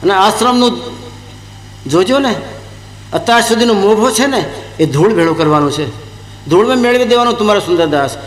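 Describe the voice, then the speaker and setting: A high-pitched man preaches a devotional sermon as a story, taking on the voices of the teacher and his pupils as he goes. His voice rings out in a long, echoey hall, with faint ambient noise behind him. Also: animated, normal speed, long pauses. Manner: acts out dialogue of guru and disciples with shifting voices.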